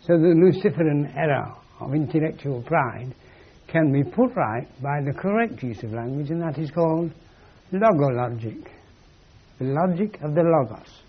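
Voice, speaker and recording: A man's voice: fairly high pitch, animated, moderate pace, slight background noise. A man giving a philosophical lecture in a wry, emphatic way, on a dull lo-fi recording. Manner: wry, emphatic, acts out quoted voices.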